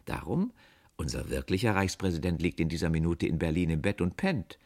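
Man putting on a young woman, mocking, dreamy, lively swoops. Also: a little fast. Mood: lecturing. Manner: teasing, lecturing in a lighter, higher voice.

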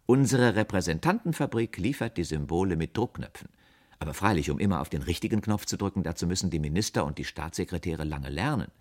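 A man's voice: lively intonation, quick pace, darkish tone. A man voicing a young, dreamy, mocking woman who lectures in a raised, playful voice. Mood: lecturing. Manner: teasing, lecturing in a lighter, higher voice.

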